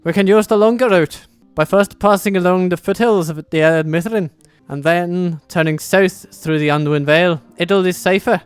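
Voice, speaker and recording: A man's voice: sits high, moderate pace, hardly any pauses, clean tone, dry recording, faint music behind, close to an everyday voice. A man putting on a fake Scottish accent to voice a solemn dwarf herald reading a grand quest briefing. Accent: put-on Scottish. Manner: grand, old-fashioned storytelling delivery. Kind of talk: dramatic reading of game briefing text.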